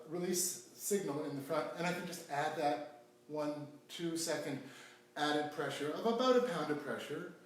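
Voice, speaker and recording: A man teaching self-stretching at home, explaining as he demonstrates, with frequent restarts and fillers. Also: fairly high pitch. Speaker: stretching instructor. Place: home room during self-isolation. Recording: echoey room, mic at a distance, faint hum.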